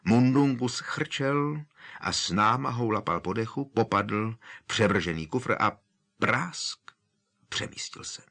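A man narrating an audiobook with expressive, dramatic storytelling. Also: on the low side.

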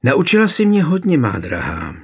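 A man reading a historical novel aloud voices a calm, mocking young nobleman taking revenge on his wife. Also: mid-range voice, creaky, slightly rough, pitched above the performer's own voice, heavily acted.

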